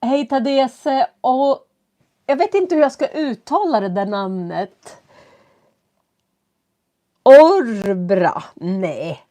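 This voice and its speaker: A woman with a stuffy nose and a cough, teaching from home and talking slowly and clearly for learners as she greets viewers on a live stream. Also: high-pitched, animated, mellow. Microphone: computer setup.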